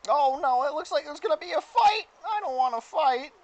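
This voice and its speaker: A high, wobbly, panicky voice of an eager little male creature in a tabletop game, desperate to please and nervous about every job. A woman acts him out over her own lower voice. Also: lively intonation, brisk, dull audio, a loud crowd. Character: frantic eager male blue creature, Mister Meeseeks.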